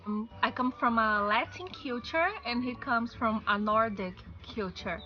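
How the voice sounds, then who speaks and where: A young Brazilian vlogger with a Brazilian Portuguese accent chats casually to camera in English, using lots of fillers, on an outdoor patio beside a wooden fence. Her voice is a little high and her pace measured, with dull audio and soft background music.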